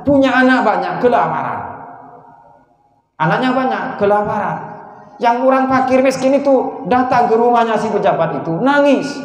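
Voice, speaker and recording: A man teaching a religious lesson, telling a story in a lively, repetitive style. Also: sits high. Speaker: Islamic teacher. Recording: echoey hall reverb.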